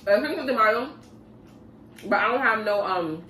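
A woman's voice: on the high side, lively intonation, normal speed, pushed and bright, slight background noise. Slangy woman chatting while she eats, echoey room, mic kinda far off. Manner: laid-back and slangy, talks between bites. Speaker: mukbang vlogger. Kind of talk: casual chat while eating.

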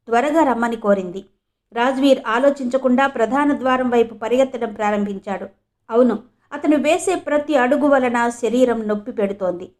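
A woman reads a scripted story aloud in an even, measured way. Her voice sits high. The reading keeps a steady storybook pace.

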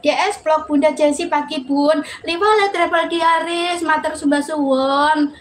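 Woman, high-pitched, chatty live-stream host greeting viewers; faint background noise. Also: steady tone, measured pace. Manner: chatty, reads viewer names aloud, laughs often.

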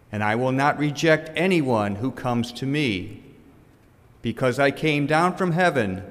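A man in his fifties giving a solemn, measured scripture reading as clergy, with a cathedral-like echo. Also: medium pitch. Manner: measured, deliberate liturgical delivery. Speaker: clergyman reading the Gospel at a funeral Mass. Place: church, at the lectern. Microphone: gooseneck lectern microphone. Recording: cathedral-like echo, long church reverb.

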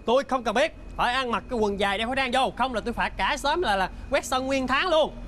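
A bossy, rapid-fire scolding father. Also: very high voice, fairly bright tone, a little hiss or hum. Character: bossy middle-aged father enforcing neighborhood rules. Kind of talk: sitcom acting.

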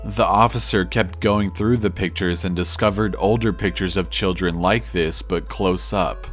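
A man narrating true scary stories in a slow, measured storytelling manner. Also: sits low, fairly even intonation. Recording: faint music under the voice.

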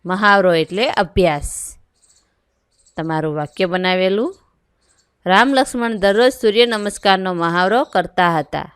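A woman's voice: mid-range voice, a little slow, pauses often, smooth, dry recording. A woman teacher reading a worksheet aloud, going through items and answers one by one. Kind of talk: worksheet lesson read aloud.

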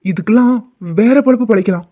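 A man's voice: high-pitched, fast, muffled recording. A man voicing a stern young village man in a cartoon, harsh and scolding. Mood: angry. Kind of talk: cartoon dubbing.

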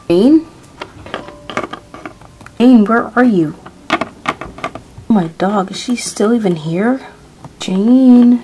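In an amateur audio drama, a woman voices an injured young woman hunting for her lost friend, calling out worriedly. Her medium-pitched voice drops to a breathy half-whisper and she's often out of breath. Background noise can be heard.

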